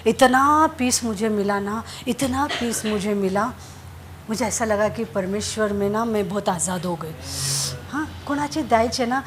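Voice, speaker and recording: A woman's voice: a little high, slight background noise. A woman pastor preaching a sermon, telling stories and repeating phrases for emphasis with calls of hallelujah.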